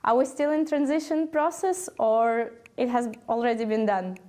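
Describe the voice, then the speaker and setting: A woman's voice: on the high side, moderate pace, warm tone. A woman working as an interviewer, putting questions in a tentative, searching way.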